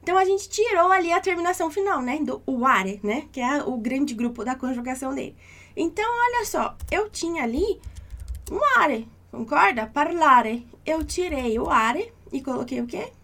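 A woman with a high, light voice, teaching an online language lesson. She speaks patiently and reassuringly and slows down to repeat each example. Her tone stays calm and encouraging.

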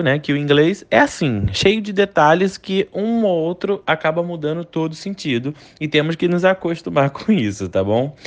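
A man with a Brazilian Portuguese accent teaching an online English lesson, repeating example phrases slowly for his students to copy. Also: a little high.

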